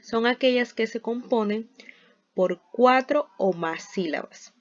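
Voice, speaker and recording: A woman's voice: on the high side, slow. Patient woman teaching a spelling lesson. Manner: patient, explains step by step with examples; often starts sentences with "entonces". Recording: dull lo-fi recording.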